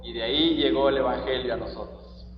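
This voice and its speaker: A man's voice: medium pitch, fairly even intonation, brisk, lo-fi sound, slight background noise. A man preaching a sermon as pastor, reading scripture with emphatic stress on each phrase, recorded in a church hall.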